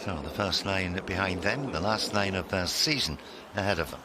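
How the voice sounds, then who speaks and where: Low-voiced male golf commentator, loud background noise. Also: moderate pace. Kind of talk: live golf commentary with recaps of play.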